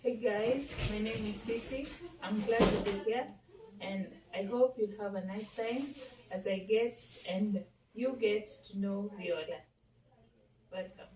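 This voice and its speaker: Slow, mellow woman interviewer. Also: medium pitch. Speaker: guest interviewer. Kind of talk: casual interview. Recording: echoey room, mic at a distance, faint noise.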